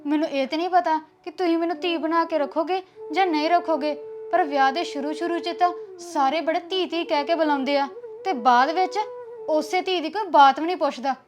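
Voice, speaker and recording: A woman's voice: very high voice, fairly quick. Young woman playing a defiant headstrong bride. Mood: sulky. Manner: blunt, defiant. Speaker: actor. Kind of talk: web series drama acting.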